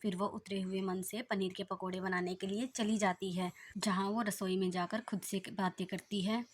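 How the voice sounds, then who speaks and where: A woman telling a moral story in a steady, expressive narrating voice. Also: medium pitch, normal speed, breathy edge.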